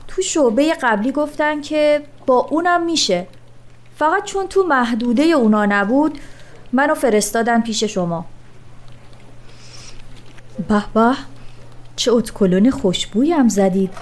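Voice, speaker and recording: A woman reading a story aloud, voicing a pushy, flattering male client at an office who turns to bribes and threats. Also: a little high, long pauses, lightly acted. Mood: wheedling. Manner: smooth-talking then threatening.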